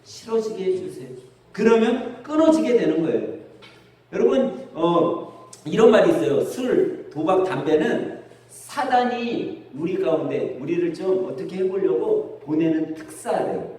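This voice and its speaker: High-voiced pastor in an echoey church. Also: male voice, a little slow. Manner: conversational storytelling, lively with laughs. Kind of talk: sermon. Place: church sanctuary. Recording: very echoey church hall, distant mic.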